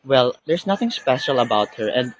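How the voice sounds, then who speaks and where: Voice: medium pitch, very animated, moderate pace, muffled recording, slight background noise, pitched below the performer's own voice, natural voice. A performer voicing a snobbish rival schoolgirl who sneers and slips into English to sound superior. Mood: haughty.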